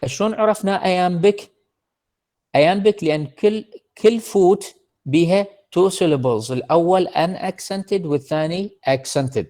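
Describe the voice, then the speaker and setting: Iraqi lecturer slowly spelling out definitions. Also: male voice, high-pitched, dark tone. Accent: Iraqi Arabic. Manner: mixes Arabic and English, slow deliberate English definitions, frequent hesitations. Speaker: university lecturer. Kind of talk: online lecture. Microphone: computer mic in an online class.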